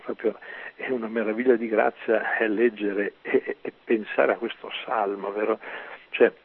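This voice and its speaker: A male priest gives an emphatic sermon, full of rhetorical questions and fillers. His voice is gravelly and husky. The sound is thin and tinny, as if heard over a radio broadcast. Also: lowish voice, steady tone, normal speed. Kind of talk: sermon commentary on scripture.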